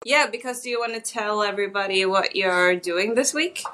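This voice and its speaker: Woman, tired, candid casual chat, bright tense voice, podcast co-host on a call. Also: medium pitch, moderate pace, a little hiss or hum. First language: Norwegian. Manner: candid, talks openly about her feelings. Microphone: online call.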